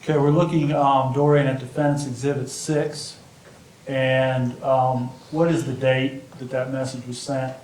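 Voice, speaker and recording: A man as a flat-voiced defense attorney on a courtroom recording. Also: medium pitch, unhurried. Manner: plain-spoken, a bit self-deprecating, hesitant fillers. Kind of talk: courtroom examination of a witness. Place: large courtroom. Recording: echoey courtroom audio from a distance, faint noise.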